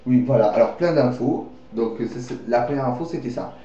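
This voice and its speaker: A man's voice: medium pitch, fairly quick, dark tone, a little hiss or hum. A man presenting a home-made mock news bulletin, rambling, joking and often correcting himself. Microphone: webcam. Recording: dull, echoey webcam recording.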